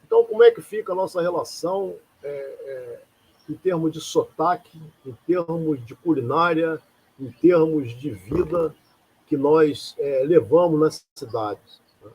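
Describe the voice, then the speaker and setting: A man from Rio de Janeiro speaks a little slowly yet animatedly, his fairly high voice dark-toned with a breathy edge. The low-quality recording captures him hosting an informal live lecture, conversational and digressive, full of rhetorical questions.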